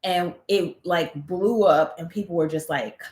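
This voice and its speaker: Woman co-host, casual chat, low pitch, roomy echo, laughs easily. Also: measured pace, darkish tone. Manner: chatty, laughs often while telling stories. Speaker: co-host of a live chat show.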